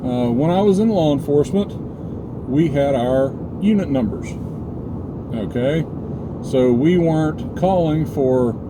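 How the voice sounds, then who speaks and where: A former law enforcement officer who hosts preparedness videos speaks in a medium-pitched voice, teaching a practical lesson in informal vlog style. He goes deliberately, point by point, often checking that viewers follow. A loud, constant background hum runs under his voice throughout.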